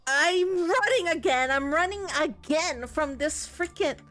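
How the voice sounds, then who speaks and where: A woman's voice: very high voice, animated, a little slow, a bit bright, soft background music. A woman reading a visual novel aloud as she plays, narrating expressively and breaking into casual, exclaiming commentary. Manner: reactive, exclaiming, casual swearing.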